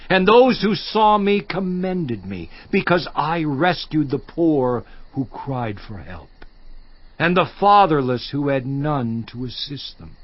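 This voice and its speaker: Guy doing job from the bible, slow solemn old-style declaiming, kinda high voice, dull lo-fi sound w/ soft music under it. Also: heavily acted. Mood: wistful. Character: Job, aging afflicted man, grave and lamenting. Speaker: dramatized Bible character. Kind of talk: dramatized scripture reading.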